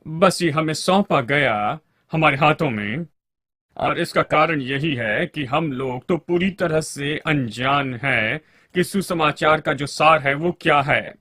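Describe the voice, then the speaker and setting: A man's voice: on the high side, takes it slowly, bright, forceful tone, dry recording, clean studio sound. A man preaching a sermon to a congregation and calling for amens along the way.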